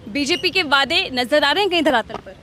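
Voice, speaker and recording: A woman's voice: high-pitched, expressive, a little fast, pushed and bright. A woman reporter interviewing people on a city street, asking pointed, challenging questions. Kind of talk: street vox-pop interview.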